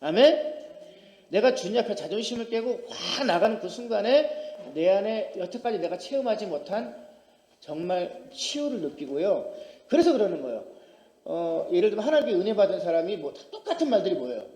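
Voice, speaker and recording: High, lively male pastor in echoing church. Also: normal speed. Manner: personal testimony, conversational and emphatic. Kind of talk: sermon. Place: small church sanctuary. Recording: roomy church hall reverb.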